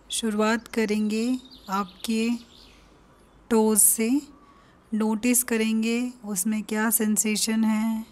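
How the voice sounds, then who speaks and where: A woman with an Indian accent and a mid-range voice guides a meditation. She gives calm, gentle instructions, leaving long pauses between them.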